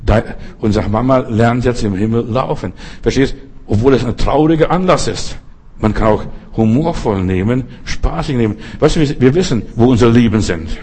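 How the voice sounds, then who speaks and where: An older man, a pastor, delivering a sermon with slow, emphatic repetitions and exclamations. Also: mid-range voice, animated, a little mellow, husky.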